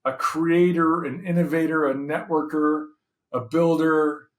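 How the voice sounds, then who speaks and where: A man hosting a podcast, reading a scripted intro and then asking measured questions with a few "uh" fillers. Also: on the high side, fairly even intonation. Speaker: podcast host.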